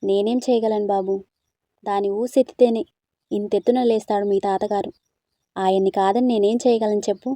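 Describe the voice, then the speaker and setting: A kindly old grandmother in a storybook, gentle and fond, voiced by a woman reader. The voice is mellow and warm, and the recording is dry and close. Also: mid-range voice, steady tone, normal speed, dry recording, natural voice. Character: kindly old grandmother, soft-hearted and sad.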